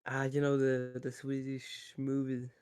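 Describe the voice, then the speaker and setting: A man's voice: mid-range voice, completely flat delivery, measured pace, darkish tone, clean tone. A man bantering casually with a friend, teasing him and filling his sentences with likes and you-knows. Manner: teasing, with fillers. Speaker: co-host friend.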